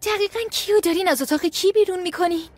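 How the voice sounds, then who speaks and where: Golru, a scheming young wife. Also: female voice, very high voice, dry recording. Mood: taunting. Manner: cool and taunting with the servant, soothing with her husband. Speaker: new lady of the house, Jahan's wife. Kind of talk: Persian dubbing of a TV drama.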